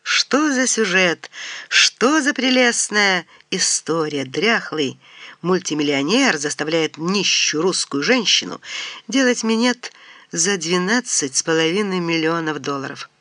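A woman's voice: fairly low pitch, lively intonation, a little slow, pushed and bright, no room sound. A woman reading an audiobook as a first-person monologue, impassioned, bitter and accusing. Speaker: audiobook reader.

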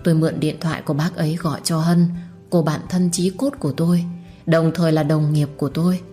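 A woman narrating a sad first-person story in a somber, steady way. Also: deep voice, fairly quick, soft background music.

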